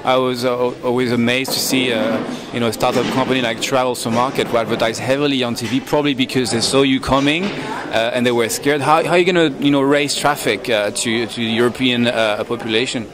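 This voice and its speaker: A man interviewing a guest at a conference, asking long, halting questions full of fillers. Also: medium pitch, fairly even intonation, crowd noise. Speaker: interviewer, travel blogger.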